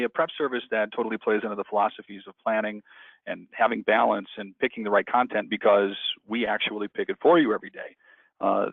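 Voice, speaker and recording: A man with a low, gravelly and somewhat husky voice presents a radio industry webinar in a flat, even delivery. He talks quickly with lots of restarts, and the audio is dry and tinny like a phone line. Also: no room sound. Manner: energetic, talks fast with many restarts. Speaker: radio programmer and webinar co-host.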